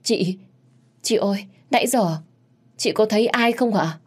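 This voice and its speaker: A woman's voice: lowish voice, measured pace, dark tone. A woman voicing a frightened young maid who stammers and pleads in a timid voice. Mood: terrified pleading.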